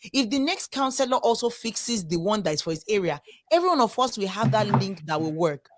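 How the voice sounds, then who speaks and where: A woman's voice: mid-range voice, brisk, noisy background. A young Nigerian woman with a Nigerian accent, hosting a casual roundtable discussion and making her points earnestly and with emphasis. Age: young adult. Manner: earnest, animated, emphatic, repeats words. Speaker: discussion host.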